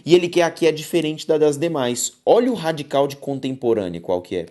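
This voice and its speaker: A woman's voice: sits low, sing-song, a little fast, mellow. A Brazilian woman teaching a grammar lesson for exam prep. She stresses points emphatically, keeps asking students to look and pay attention, and calls them "my dears". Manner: affectionate, calls viewers "my dears".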